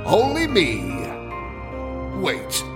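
A man voicing a macabre, easily irritated horror shopkeeper who hosts an audio horror drama with slow, drawn-out, mock-sinister delivery. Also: sits high, huge pitch swings, vocal fry, music in the background, voice pushed up, heavily acted. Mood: menacing. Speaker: horror shop keeper host.

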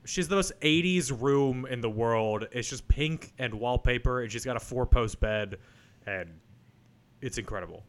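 A man's voice: mid-range voice, normal speed. A man co-hosting a podcast, chatting casually as he recaps a movie. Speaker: podcast co-host.

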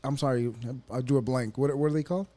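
A man in his thirties from El Salvador, hosting a casual conversation, halting and restarting often and laughing easily. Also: mid-range voice, fairly even intonation, mellow. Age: 30s.

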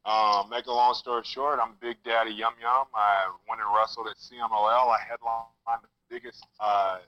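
A man's voice: medium pitch, level tone, normal speed, bright, forceful tone. A man from Louisiana talking over a phone speaker as a guest, telling stories in an easygoing, upbeat way. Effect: heard over a phone speaker. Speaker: guest wrestler. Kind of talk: casual phone chat. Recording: tinny speakerphone call.

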